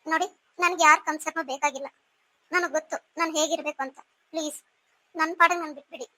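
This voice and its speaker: A woman's voice: high-pitched, fairly even intonation, fast talker, sharp tone. A woman voicing a hurt, bitter young pregnant wife in a cartoon story, speaking in a reproachful, pleading way. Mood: cold.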